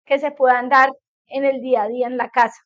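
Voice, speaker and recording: A woman's voice: high-pitched, level tone, fairly quick, fairly bright tone. A middle-aged woman psychologist giving a conversational talk to a group of parents, often checking in with her listeners. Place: meeting room with an audience. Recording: dull lo-fi recording.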